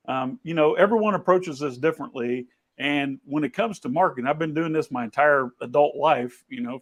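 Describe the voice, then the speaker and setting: A man hosting a podcast over a video call, telling an animated anecdote full of restarts in a conversational way. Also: on the high side. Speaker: podcast host. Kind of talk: conversational storytelling. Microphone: video call camera.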